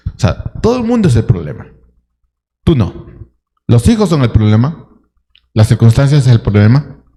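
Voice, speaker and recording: Mellow-voiced pastor preaching in a reverberant hall. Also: male voice, mid-range voice, sing-song, normal speed. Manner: dramatizes the story with rhetorical questions. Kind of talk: sermon. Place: church hall. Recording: long church hall reverb.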